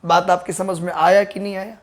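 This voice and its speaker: Teaching grammar online, a man speaks in a high voice with a flat delivery. He keeps checking that viewers understood and slowly goes over the key terms again at a board.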